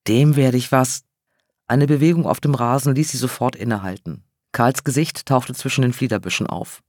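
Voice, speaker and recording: A man reading a story aloud in measured, even narration. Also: medium pitch, no room sound, clean studio sound. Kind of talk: scripted audiobook narration.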